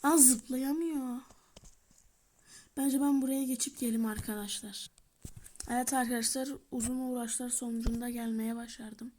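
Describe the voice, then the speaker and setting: A woman giving chatty let's-play commentary, talking to her viewers, shouting in bursts and muttering softly as she plays. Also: fairly high pitch, flat delivery, a little fast, a little hiss or hum. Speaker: gaming channel host. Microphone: tablet or phone mic.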